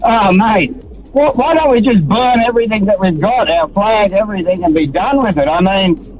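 High-voiced, grumbling Australian male caller. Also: expressive, moderate pace, a little mellow, lo-fi sound, soft background music. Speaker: radio caller. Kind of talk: casual opinion on talkback.

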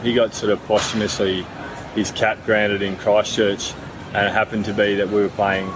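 The middle-aged former rugby player from New Zealand takes interview questions in a laid-back, wandering manner, with many fillers and restarts. His voice is on the low side, his speed normal, and there is background noise.

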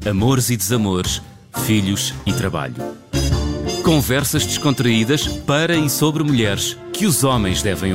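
A man with a European Portuguese accent reading a scripted radio promo as an announcer. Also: medium pitch.

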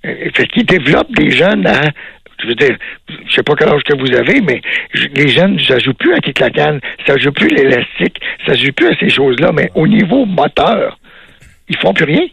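Gravelly Québécois doctor explaining slowly. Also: male voice, on the high side, big pitch swings, fairly bright tone, dry recording, rough recording. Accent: Québécois French. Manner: measured, explanatory, slow pauses. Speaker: cardiologist guest. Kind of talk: radio interview.

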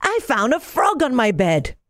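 A woman voicing an excitable six-year-old boy in a storybook, yelling eagerly. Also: sits high, a little slow, dry recording, pitched above the performer's own voice. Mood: amazed.

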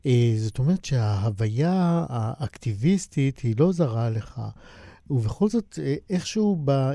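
Radio interviewer guy, super mellow dark voice, dry close sound, measured probing questions. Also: medium pitch, dry recording.

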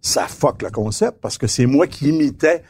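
A man's voice: medium pitch, expressive, moderate pace, darkish tone, husky, no echo. A man in casual chat, telling a story and repeating his words. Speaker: comedian guest.

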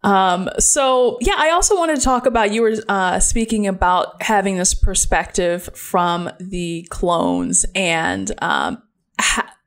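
Woman podcast host, mid-pitched, chatty, laughs easily. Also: sing-song, slow. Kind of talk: casual chat.

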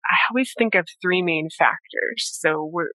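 A woman sleep scientist, a guest in an interview, explaining research in a measured way with frequent pauses and "you know". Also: on the low side, pushed and bright, no room sound, low-quality recording. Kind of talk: interview conversation.

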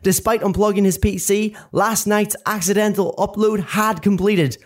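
A man's voice: sits high, normal speed. Man narrating a story aloud. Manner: lively, animated storytelling. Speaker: author reading his book. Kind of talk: expressive audiobook narration.

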